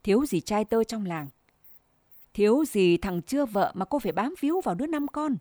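A furious village wife spits scorn and insults at her rival, as a woman reads her lines. The voice is warm and mellow, recorded close and dry with no room sound. Her scolding stays biting and relentless. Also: medium pitch, lively intonation, moderate pace, no room sound, natural voice. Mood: scornful. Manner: sharp, scornful berating.

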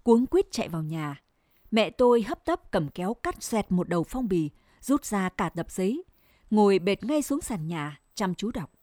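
A woman narrating a scripted first-person story in a measured, sorrowful way. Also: medium pitch, very animated, mellow, no room sound, clean studio sound.

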